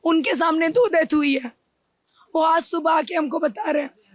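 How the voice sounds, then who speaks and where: A woman's voice: very high voice, moderate pace, dry recording. A young woman shopkeeper speaking as an eyewitness, tearful and distressed, her voice choked and sometimes raised. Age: young adult. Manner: distressed, raising her voice, mixing in English.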